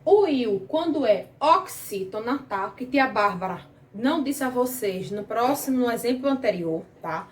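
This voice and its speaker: High-voiced woman teaching young kids. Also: expressive, unhurried, hardly any pauses, echoey room, distant mic, slight background noise. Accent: Brazilian Portuguese. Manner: patient, asks the class questions, drags out words. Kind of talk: grammar lesson for children.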